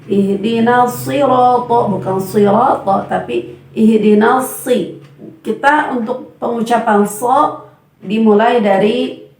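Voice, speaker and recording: A woman's voice: medium pitch, creaky, a little mellow. A woman teaching Quran recitation, explaining pronunciation rules and patiently reciting and repeating example sounds. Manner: patient, demonstrates sounds slowly and repeats them. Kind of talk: tajweed lesson with recited examples. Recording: roomy echo.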